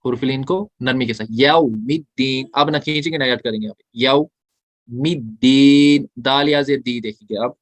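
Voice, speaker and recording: A man teaching tajweed in an online class, explaining step by step, asking questions and answering them himself, and chanting the verses slowly between explanations. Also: mid-range voice, a bit bright, dry recording. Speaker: Quran recitation teacher.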